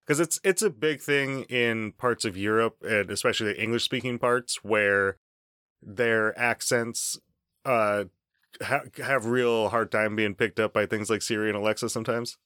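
A man with a fairly low voice talks casually on a podcast, joking and laughing easily. The sound is dry and close to the mic. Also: normal speed, sharp tone, smooth, no room sound. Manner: laughs often, loose and joking. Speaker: podcast co-host. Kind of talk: casual chat.

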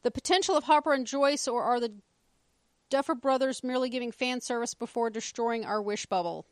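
A woman's voice: fairly high pitch, fairly quick, no room sound, clean studio sound. A woman with a Southern US accent co-hosting a casual podcast, reading listener notes aloud with wry, profane asides. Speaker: podcast host.

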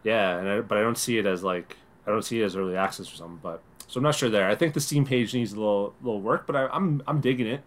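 A man co-hosting a casual podcast, talking in a relaxed, rambling way with frequent restarts. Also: lowish voice, quick pace, hardly any pauses, slight background noise. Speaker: podcast co-host.

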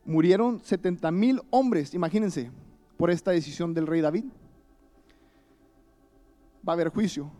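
A man preaching a sermon in church, moving between loud emphasis and hushed asides. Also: a little high, unhurried, pauses often. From Mexico.

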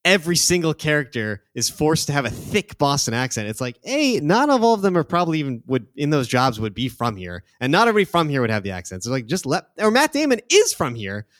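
A man's voice: a little high, huge pitch swings, fast, hardly any pauses, fairly bright tone, no echo, studio quality. A man hosting a podcast in casual chat, opinionated and heavy on fillers. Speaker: podcast host.

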